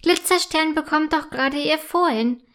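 A woman voicing an excited, slightly chubby young unicorn mare who gushes eagerly in a children's storybook reading. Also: high voice, moderate pace, pitched above the performer's own voice. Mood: gushing. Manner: gushing, eager.

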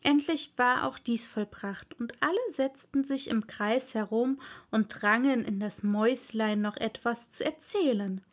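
A woman narrating a children's storybook in a calm, clearly articulated reading. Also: a little high, measured pace, few pauses. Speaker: audiobook reader.

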